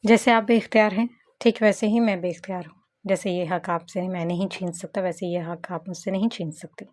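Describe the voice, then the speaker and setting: A woman's voice: fairly low pitch, steady tone, a little fast, darkish tone, natural voice. Woman reading Adam, a devoted young man. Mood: tender. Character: young man, devoted, patient, quietly loving.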